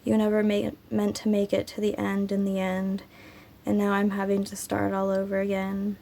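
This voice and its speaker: Sounding sick and raspy, a woman presents her own poems on her poetry channel at a slow, relaxed pace full of ums. Her mid-range voice has a dark tone and a completely flat delivery.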